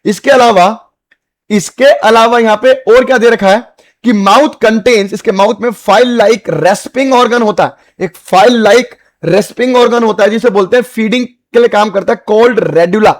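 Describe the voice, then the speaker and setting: High-voiced man teaching biology. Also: normal speed. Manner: repetitive, checks understanding, playful mnemonics. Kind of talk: exam-prep lecture.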